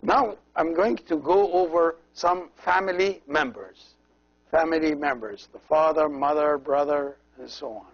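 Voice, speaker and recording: A man teaching a language lesson as a priest, slowly repeating each word and explaining how every letter is pronounced. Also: fairly high pitch, gravelly. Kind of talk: slow, patient language lesson. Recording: dull lo-fi recording.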